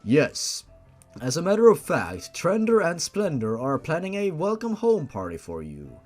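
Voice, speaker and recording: A man voicing a formal, gentle monster patriarch who speaks fondly and solemnly in a story reading. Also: fairly high pitch, huge pitch swings, a little slow, soft background music, full character voice.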